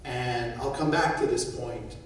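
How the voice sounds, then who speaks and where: A middle-aged Syrian man speaks unscripted on a conference panel, thoughtful and prone to restarting his sentences. His medium-pitched voice is steady and unhurried, recorded from far off in an echoey conference hall with slight background noise.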